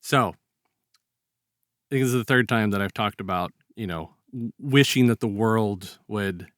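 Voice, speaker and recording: In clean, dry studio audio, a podcast co-host tells informal stories and chats in a rambling, colloquial manner, sometimes performing quick quotes. His voice is fairly low-pitched and fairly bright, and he takes his time.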